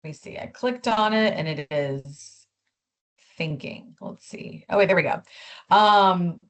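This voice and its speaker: Low-voiced woman giving a policy update. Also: measured pace. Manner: conversational, many fillers and restarts. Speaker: policy speaker. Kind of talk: webinar update.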